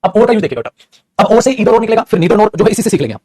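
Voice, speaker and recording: A man's voice: high-pitched, sing-song, rapid-fire, darkish tone, husky. A man with an Indian accent teaching an English grammar lesson in Hindi, repeating each point and calling his students "beta".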